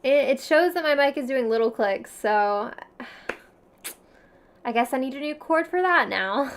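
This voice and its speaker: A woman's voice: high-pitched, fairly bright tone. A young woman with a Valley Girl accent chatting casually as a livestream host, giggly and slangy, peppering her talk with "like". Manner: frequent "like" filler, slangy; giggly, laughs often between phrases.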